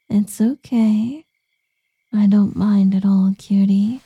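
A woman voicing a seductive, doting female succubus lover in an ASMR roleplay, whispering softly and cooing pet names. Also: medium pitch, slightly rough, no echo, highs cut off, heavily acted.

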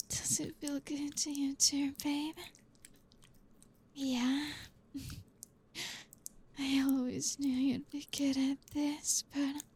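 A woman in a whispered intimate audio roleplay, speaking as a girlfriend in a soft whisper broken by frequent giggles. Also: high voice.

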